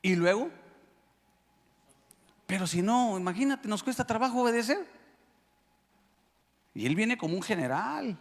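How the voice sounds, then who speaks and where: A man's voice: sits high, big pitch swings, measured pace, long pauses, big-room sound. A man with a Mexican Spanish accent preaching a sermon as pastor, emphatic and joking with the congregation. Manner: emphatic, calls out to the congregation, jokes. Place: church hall.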